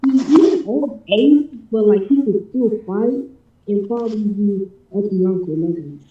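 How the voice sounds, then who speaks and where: A man's voice: high voice, unhurried. A young man in a casual group voice chat, sounding muffled as if heard through a wall, arguing his point insistently. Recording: muffled lo-fi voice chat in an echoey room.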